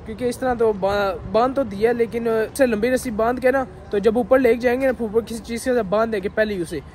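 A man from Pakistan talks straight to his phone in a casual vlog, quick to exclaim and easily excited. His voice sits high for a man. Loud street noise runs underneath the whole time. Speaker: vlogger. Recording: noisy outdoor phone recording.

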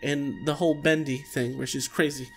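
A man's voice: on the high side, flat delivery, moderate pace. Jokey man doing casual gameplay commentary over music. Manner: jokey, talking to himself. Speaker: let's player. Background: game music.

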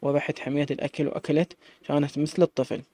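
A man with an Iraqi accent reading a serialized story in a rapid, even manner. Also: fairly high pitch, no room sound.

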